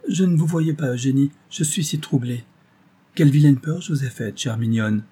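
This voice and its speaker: A man voicing a gentle young blind woman piano teacher who speaks softly and apologetically. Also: mid-range voice, normal speed, husky, pitched above the performer's own voice, lightly acted. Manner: soft, apologetic.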